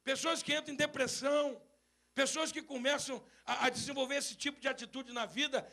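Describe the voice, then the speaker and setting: A man preaching an animated sermon at a church service, acting out stories and breaking into shouts. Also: extremely high pitch, brisk. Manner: mixes English phrases into his sermon. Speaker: bishop preaching.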